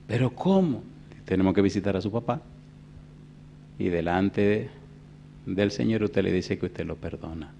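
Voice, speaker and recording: A pastor in his fifties preaching a sermon, telling a story in a hushed voice and then rising to loud preaching. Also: low-pitched, fairly even intonation, a little slow, gravelly, pauses often, slight background noise. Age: 50s. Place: church.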